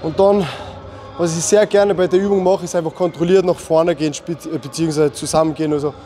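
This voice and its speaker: Fitness guy talking thru his leg day, mellow slightly high voice, chill and instructive. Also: fairly even intonation, a little fast, slight background noise. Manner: instructive, casual, mixes English gym slang. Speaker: fitness vlogger. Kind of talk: gym workout explanation.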